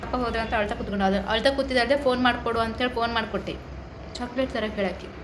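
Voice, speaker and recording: A woman with a Malnad Kannada accent talks to her viewers from home in a casual vlog, with a voice that sits a little high. She slips into coaxing, playful baby talk with her young son. The phone recording has clear background noise running under her voice. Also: steady tone, very fast. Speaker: vlogger. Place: home indoors.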